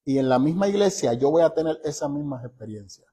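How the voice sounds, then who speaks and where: Bible study teacher, male, slightly high voice, conversational but emphatic, drags out key phrases. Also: expressive, warm tone, husky. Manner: emphatic, asks rhetorical questions of listeners; slows down to stress key phrases.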